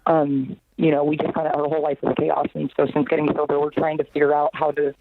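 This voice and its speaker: A woman calling in to a talk show over the phone, speaking nervously and haltingly with many fillers. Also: sits low, monotone, dry recording. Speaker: caller. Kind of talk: call-in talk show caller. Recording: tinny phone line with faint noise.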